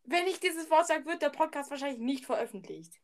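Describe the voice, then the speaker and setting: A woman's voice: sits high, expressive, a little fast. A woman chatting casually on a podcast, giggly and hesitant.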